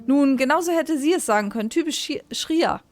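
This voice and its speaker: Scattered male scholar obsessed with machine parts, read by a woman, high voice, plainly read, game dialogue. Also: expressive, a little fast, soft background music. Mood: worried. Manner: reads the lines aloud in a near-plain voice. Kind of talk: reading game dialogue aloud.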